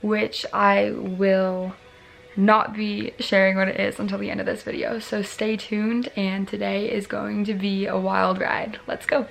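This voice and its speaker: A young woman chatting casually to her vlog in a bubbly, excited sorority-girl manner. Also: mid-range voice, unhurried, creaky, poor audio. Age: young adult. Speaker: vlogger. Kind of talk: casual vlog chat to camera.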